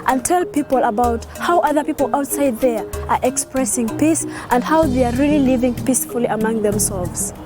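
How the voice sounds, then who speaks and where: A woman's voice: on the high side, fairly quick, few pauses. A woman from South Sudan speaking earnestly and enthusiastically in an interview. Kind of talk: interview testimony. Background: music.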